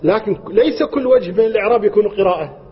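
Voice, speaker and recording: Husky high-voiced man teaching Quran. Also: very fast. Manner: explanatory, repeats key points, asks rhetorical questions. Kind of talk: religious lesson explaining Quran verses. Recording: dull lo-fi recording with long hall reverb.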